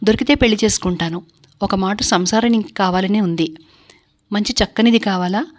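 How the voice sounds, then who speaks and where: A light, bantering young man who laughs his way through an old sorrow, as a woman narrator voices him. He teases gently and keeps the talk playful, set in a spoken storybook. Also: medium pitch, brisk, close to an everyday voice. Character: teasing cheerful young landlord's son.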